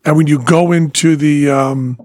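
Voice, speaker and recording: This middle-aged man from Western Massachusetts, whose New England accent has faded, co-hosts a podcast, chatting casually and telling stories while laughing often and trailing off mid-sentence. His fairly high, a little mellow voice keeps a steady tone at normal speed. The studio sound is clean with no room sound.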